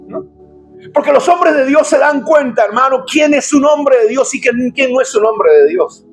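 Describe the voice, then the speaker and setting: Un pastor de voz muy aguda predica con urgencia y énfasis, y a ratos estalla en gritos. De fondo suena una música suave y tenue. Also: male voice, extremely high pitch, expressive, moderate pace, soft background music. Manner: emphatic, urgent, bursts into shouting. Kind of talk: sermon.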